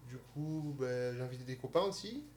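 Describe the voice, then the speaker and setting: A man from Occitanie, France, who organizes parties and DJs, talks as a radio guest in a medium-pitched, animated voice, a little fast, over heavy background noise. His casual interview talk is easygoing and hesitant, with plenty of fillers.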